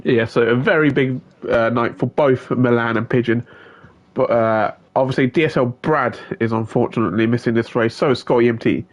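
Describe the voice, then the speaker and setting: Male race commentator, mid pitch, chatty, greets the chat by name, lots of ums and uhs. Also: brisk, muffled recording. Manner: chatty, greets viewers by name, filler-heavy. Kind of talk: live sim-racing stream commentary.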